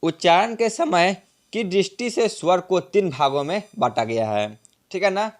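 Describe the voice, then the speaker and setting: A man's voice: high voice, expressive, normal speed. A man teaching a grammar lesson, repeating each point and drawing out vowel sounds as examples. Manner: repeats points, tag "ठीक है ना" often.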